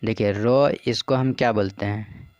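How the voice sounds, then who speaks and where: A man's voice: on the low side, fairly even intonation, a little slow, a little mellow, clean tone, no room sound, muffled recording. A man patiently explaining practice exam questions as a teacher. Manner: patient, repeats "ठीक है" and "देखिए".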